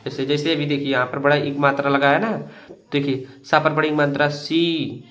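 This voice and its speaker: A man teaching beginners to read Hindi, patiently repeating each word slowly and addressing viewers as friends. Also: on the high side, little pitch movement, fairly bright tone.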